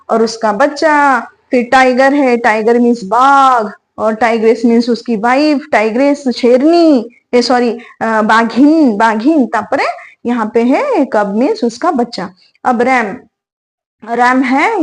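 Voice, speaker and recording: A woman teaching a lesson for young children, asking a question and answering it herself, again and again. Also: high-pitched. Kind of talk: tutorial for young learners.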